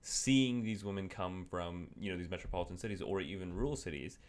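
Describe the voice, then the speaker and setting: A man's voice: deep voice, brisk. A man interviewing in casual conversation, asking thoughtful questions. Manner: thoughtful, questioning, some restarts.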